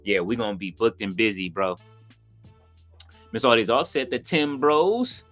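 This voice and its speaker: A man hosting a live watch-along stream, chatting loosely with viewers and leaning on fillers like "you know what I'm saying," with sudden excited outbursts. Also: fairly low pitch, unhurried, faint music behind. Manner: bursts of excited reaction. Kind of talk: casual live-stream chat, reading viewer comments.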